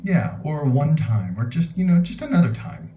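A man co-hosting a casual podcast, explaining steadily and slowing down to teach phrases. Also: a little high, sing-song, warm tone, recorded from a distance. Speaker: podcast co-host. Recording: dull roomy sound from off mic.

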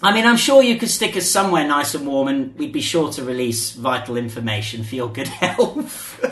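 A man's voice: medium pitch, lively intonation, normal speed, a bit bright. A man hosting a podcast with upbeat, casual banter. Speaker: podcast host. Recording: roomy echo, faint music behind.

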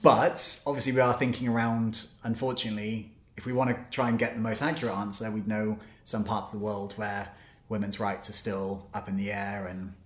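A man co-hosting a casual podcast discussion, haltingly rephrasing as he thinks aloud. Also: fairly low pitch, little pitch movement. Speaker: podcast co-host. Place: studio. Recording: roomy, echoing studio sound.

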